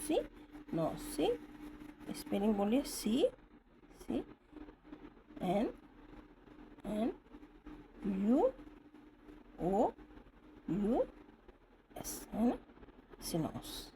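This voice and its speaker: A woman's voice: a little high, big pitch swings, very slow, pauses often, mellow, slight background noise, low-quality recording. A woman teaching stenography in a patient classroom manner, spelling words out letter by letter and checking that students follow. She speaks English words with an Indian accent. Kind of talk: classroom lesson explanation. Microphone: camera or phone held at a distance.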